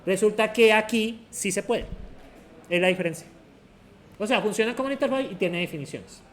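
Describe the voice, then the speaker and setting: A man giving a university programming lecture, steadily quizzing the class with short questions. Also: high voice. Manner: asks the class many quick check questions.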